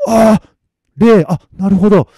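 A man voicing a flustered young man in a ghost story, stammering and rising high when alarmed. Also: unhurried, mellow, dry recording, clean studio sound.

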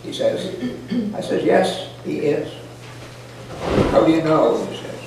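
Slow and gravelly, with a darkish tone on the high side, an elderly man of 80 or more reads a folksy, comic story in a dry, rustic manner. He performs for a small group in an indoor parlor, recorded from afar on a camera mic in an echoey, noisy room.

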